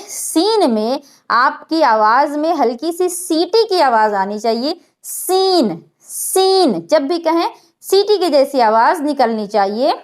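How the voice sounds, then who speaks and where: A woman, teaching a spoken lesson on Quran letter sounds, patiently explaining and modeling each sound aloud. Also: high voice. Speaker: online Quran recitation teacher.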